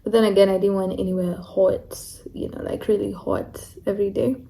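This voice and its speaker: A woman's voice: mid-range voice, level tone, brisk, creaky, mellow, a little hiss or hum, low-quality recording. A young woman from Kenya, talking candidly in a casual vlog, with lots of "like" and "you know". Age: young adult. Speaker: international student vlogger.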